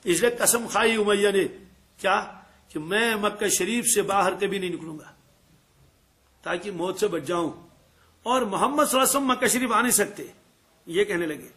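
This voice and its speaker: A man teaching a hadith lesson as a lively storyteller. He asks his listeners questions and answers them himself, and recites Arabic verses. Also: sits high, long pauses. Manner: acts out quoted dialogue in changed voices. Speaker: Islamic scholar teaching hadith.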